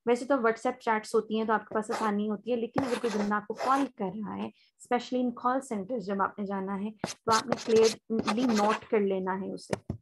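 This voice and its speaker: Woman, Pakistani accent, online English teacher, slightly high pitch, step-by-step explaining. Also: fairly even intonation, background noise. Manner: explains step by step, switches to slow polite English for sample phone lines. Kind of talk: online class lecture.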